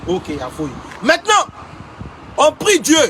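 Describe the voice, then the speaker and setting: A man's voice: very high-pitched, wildly swooping pitch, moderate pace, background noise. A young man from Côte d'Ivoire with an Ivorian French accent, ranting indignantly as a blogger in a heated vlog full of street slang.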